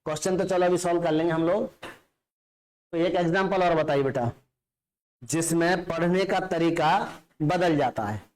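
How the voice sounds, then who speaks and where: A man's voice: fairly high pitch, normal speed, pauses often, a little mellow. A male chemistry teacher giving a classroom lecture, explaining step by step and often checking that students follow.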